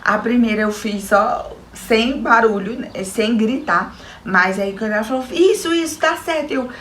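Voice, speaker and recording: A woman's voice: medium pitch, fairly bright tone, reverberant, a little hiss or hum. A young Brazilian woman with a Brazilian Portuguese accent, telling her personal story to her viewers in an earnest, emotional way. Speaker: new mother giving a testimony. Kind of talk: personal testimony.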